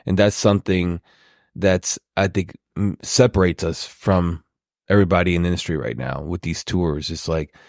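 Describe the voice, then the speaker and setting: A man's voice: low voice, fairly even intonation, normal speed, gravelly, a little mellow, no room sound, clean studio sound. A man from a sales team speaking earnestly and proudly about how his team works. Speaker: inside sales team member. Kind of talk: casual chat.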